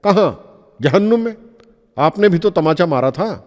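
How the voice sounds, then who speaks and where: Man putting on a pious old fakir, fretful, pleading, raised pitch, long reverb. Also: lively intonation, normal speed, lo-fi sound. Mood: indignant. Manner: pleading, invoking God.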